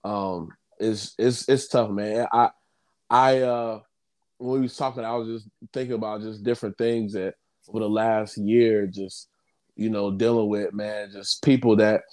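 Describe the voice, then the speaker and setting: A man, chatting casually and halting often with fillers like "you know what I'm saying.". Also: lowish voice, steady tone, darkish tone. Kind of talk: casual conversation.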